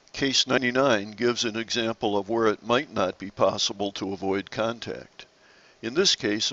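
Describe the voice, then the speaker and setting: A man narrating a slide-based lesson on sailing rules in a measured, explanatory way. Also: lowish voice, vocal fry, a bit bright, muffled recording. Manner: measured, explanatory, occasional restarts.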